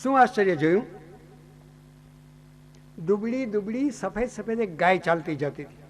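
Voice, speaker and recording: High-voiced man telling a devotional story. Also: lively intonation, moderate pace. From Gujarat. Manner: dramatic storytelling with rhetorical questions. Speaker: Bhagavata katha speaker.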